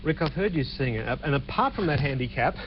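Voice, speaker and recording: A man reporting an entertainment news story on TV, heard through a low quality stream of the broadcast. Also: expressive, dull audio, background noise. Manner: measured, clear scripted delivery. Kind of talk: TV news report narration with chat to the anchor.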